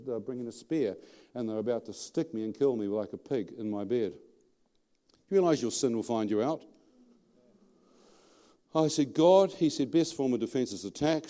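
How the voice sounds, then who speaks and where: Australian male preacher, middle-aged, colloquial storyteller, quizzes the crowd, warm mellow voice. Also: medium pitch. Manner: animated, colloquial, asks the audience questions. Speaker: preacher giving testimony. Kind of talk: storytelling sermon.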